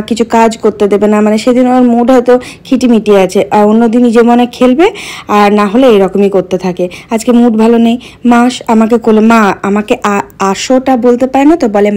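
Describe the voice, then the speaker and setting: A young woman from West Bengal vlogging about her day at home, talking in a hushed voice so she doesn't wake her sleeping child. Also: mid-range voice. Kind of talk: casual home vlog narration. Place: home flat.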